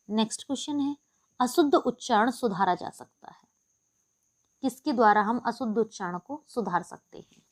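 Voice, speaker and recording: Woman tutor, higher voice, steady patient exam-prep delivery. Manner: explains patiently, repeats questions back to the class. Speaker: teacher. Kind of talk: exam-prep lesson, reading questions and answers.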